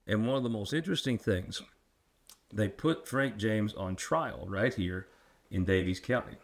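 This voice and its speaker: A lower-pitched man with a rural drawl hosts a history chat. He is folksy and quick to poke fun at himself, talking casually as he asks questions. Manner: folksy, self-deprecating. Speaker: interviewer and host. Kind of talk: casual local history interview.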